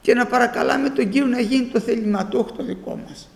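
A man's voice: extremely high pitch, gravelly, reverberant, in a large hall. A man preaching a sermon with fervour, his voice rising into exclamations as he speaks.

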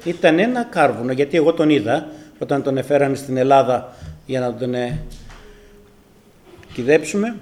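An older man from Greece telling his personal testimony to a congregation, earnest and emphatic, his loudness rising and falling. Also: medium pitch, animated, pauses often. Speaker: church member giving testimony.

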